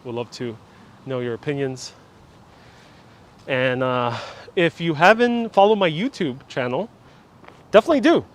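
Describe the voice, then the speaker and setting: Touring a large sculpture park outdoors on a live stream, a man from Puerto Rico chats casually and reads out viewer comments. He speaks a little slowly in a fairly high, animated voice, leaving long pauses. Audio comes from a phone on a gimbal with a wireless mic.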